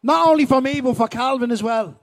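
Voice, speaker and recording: A man's voice: extremely high pitch, a little fast. A middle-aged man with a Dublin Irish accent, bantering bluntly and swearing freely at a live podcast. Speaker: speaker on stage at a live podcast. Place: live podcast show at a festival.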